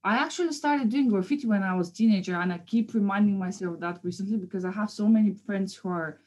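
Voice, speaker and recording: A woman's voice: mid-range voice, fast talker, darkish tone. A woman in her thirties from Bulgaria, talking casually about her art in an interview, hesitant, with many fillers and restarts. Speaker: guest artist.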